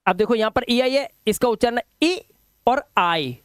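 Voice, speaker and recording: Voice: medium pitch, lively intonation, smooth, dry recording. English teacher, pronunciation lesson, drills example words, stretched vowels, asks the class questions, dry close recording. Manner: stretches vowels slowly when modelling words.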